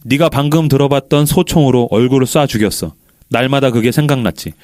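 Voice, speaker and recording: A man voicing a gruff, bitter old war veteran who confesses in low, clipped lines. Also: fairly quick, darkish tone, no room sound, studio quality, close to an everyday voice. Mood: grim confession.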